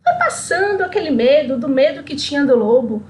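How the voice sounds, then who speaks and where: A woman, a speaker at a spiritual center, reading a children's story aloud in an expressive, sing-song way, then reflecting. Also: high-pitched, fairly quick, slight background noise.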